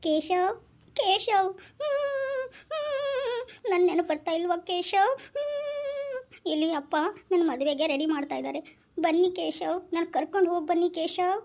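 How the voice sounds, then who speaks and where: A woman's voice: high-pitched, fast, close to an everyday voice. A woman voicing a tearful young woman pleading against an arranged marriage, with a North Karnataka Kannada accent. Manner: pleading, weepy, soft. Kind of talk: homemade village drama.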